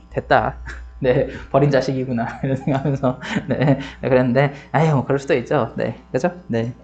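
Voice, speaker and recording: A man's voice: medium pitch, darkish tone, dull audio. A man in his forties giving a classroom literature lecture, chatty, acting out quotes in changed voices. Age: 40s. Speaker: Korean literature teacher.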